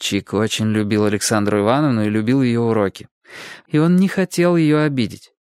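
A man narrating a story as an audiobook reader, in an expressive storytelling manner. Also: fairly low pitch, fairly quick, clear, resonant tone, no room sound, studio quality. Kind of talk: scripted narration.

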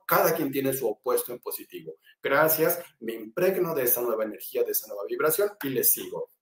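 A man who works as a spiritual therapist, explaining an exercise in an animated way, often repeating phrases and asking rhetorical questions. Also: medium pitch, echoey room. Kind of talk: spiritual self-help talk.

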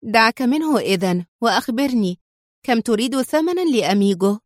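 A woman's voice: medium pitch, animated, no echo, studio quality, lightly acted. A woman voicing a bold, determined young woman who bargains in a cool, businesslike way. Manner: businesslike, cool, quick to turn sharp.

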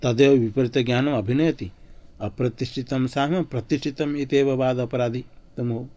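A man's voice: mid-range voice, steady tone, normal speed, warm tone. A man teaching a scripture class, reciting Sanskrit lines and then explaining them in Hindi. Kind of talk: Sanskrit commentary lesson. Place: ashram class.

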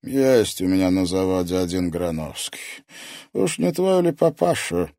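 A man plays a bony old puppet master, cruel and mocking, speaking in a slightly raised, lively voice. The recording is dry and close, with no room sound. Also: low voice, a little slow, dry recording, full character voice. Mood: sneering. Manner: scornful, mocking.

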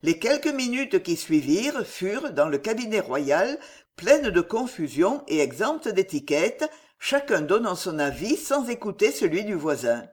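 An audiobook narrator reading a historical adventure novel with an expressive, dramatic delivery. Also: medium pitch, measured pace. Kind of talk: scripted narration.

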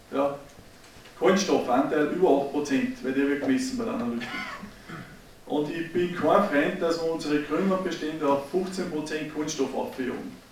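A man's voice: fairly high pitch, a little mellow, a little hiss or hum. A middle-aged man with an Austrian accent giving an emphatic, folksy lecture to farmers, talking straight to his audience. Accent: Austrian German. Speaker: agricultural speaker. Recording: echoey hall, distant mic.

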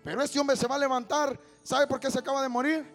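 A man with a Honduran accent preaching a fervent evangelical sermon, speaking straight to his congregation and building up to shouts. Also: extremely high pitch, little pitch movement, quick pace, soft background music.

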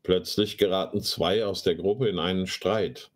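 His voice is low and a little slow, with fairly even intonation. As host of a live online talk show, he delivers sarcastic, slangy casual commentary, mocking whatever he reads aloud.

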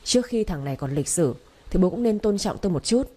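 A woman voicing an angry, bullying young husband who shouts and sneers in an audio story. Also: on the low side, lively intonation, brisk, husky.

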